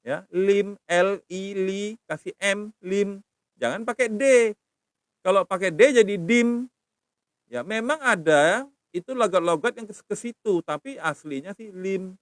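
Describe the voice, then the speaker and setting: A middle-aged man teaching language on a live stream, patiently repeating words slowly and asking viewers questions. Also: sits high, no room sound.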